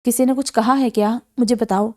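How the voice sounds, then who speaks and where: A woman voicing a protective young husband from a novel, quick to anger and gentle with his wife. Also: very high voice, fairly even intonation. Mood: tender. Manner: fierce then tender.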